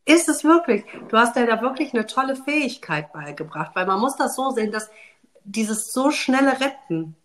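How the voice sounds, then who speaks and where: A woman's voice: fairly high pitch, big pitch swings, moderate pace. A woman, a sleep consultant, giving encouraging, reassuring advice in a casual podcast chat.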